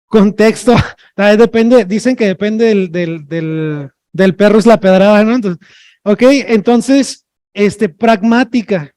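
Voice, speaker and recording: A man's voice: sits high, slow pace, a little mellow. A man giving a workshop lecture as a sign language trainer, chatty and joking, often checking in with "ok?" and "no?". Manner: chatty, checks in with tag questions, jokes with the audience.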